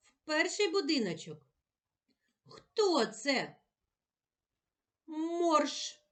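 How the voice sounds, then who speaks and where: A woman teacher with a Ukrainian accent giving a children's reading lesson, slowly sounding out letters and syllables. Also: high voice. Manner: slow, clear, sounding out syllables for young children.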